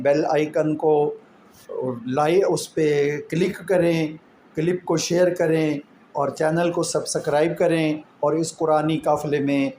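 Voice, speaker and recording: Slow, patient Urdu-accented male teacher. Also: a little high, darkish tone. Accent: Pakistani Urdu. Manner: patient, explains step by step with examples. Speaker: Quran Arabic teacher. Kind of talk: slow explanatory lesson. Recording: echoey room with faint ambient noise.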